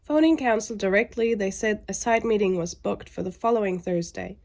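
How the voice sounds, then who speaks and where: A woman's voice: medium pitch, brisk, a little mellow. A woman sounding under the weather and weary, narrating a scripted vlog with frustration.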